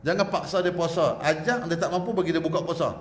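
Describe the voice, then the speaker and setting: A man preaching a religious lecture in a mosque prayer hall. He is lively and joking, often asks the audience to agree with him, and ends with a prayer. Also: a little high, quick pace. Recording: echoey hall with faint background hum.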